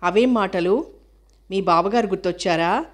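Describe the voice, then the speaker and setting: A woman reading the part of a shy, awkward young woman who consoles hesitantly and softly. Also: medium pitch, normal speed, close to an everyday voice.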